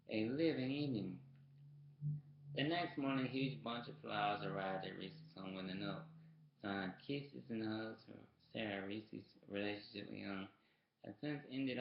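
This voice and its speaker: A man reading a nonfiction book aloud as a storyteller, in a halting way with frequent restarts and stumbles over words. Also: lowish voice, creaky. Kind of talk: read-aloud narration. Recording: muffled echoey room recording.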